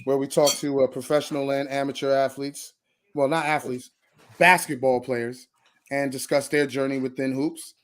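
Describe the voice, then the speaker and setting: A man co-hosts a casual basketball podcast, upbeat and welcoming as he thanks listeners often, talks over his co-host, and brings on a guest. His mid-range voice has a flat delivery at normal speed.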